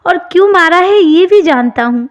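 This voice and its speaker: A woman's voice: extremely high pitch, animated, normal speed, dull audio, voice pushed up. Woman voicing a tearful pleading young man. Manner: pleading, choked voice.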